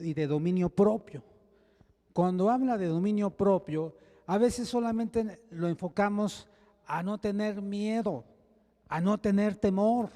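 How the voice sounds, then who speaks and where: Male preacher, conversational sermon delivery, mellow tone, reverberant hall. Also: fairly high pitch. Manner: earnest, conversational preaching with frequent restarts and rhetorical "¿sí?". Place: church.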